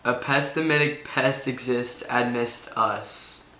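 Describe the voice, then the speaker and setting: A young man with a bright, forceful voice talks to camera like a casual vlogger. His delivery is informal and a bit halting. The room around him is noticeably echoey, picked up by a camera mic at home. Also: mid-range voice, steady tone. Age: teens to young adult. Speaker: video host. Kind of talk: casual vlog chat.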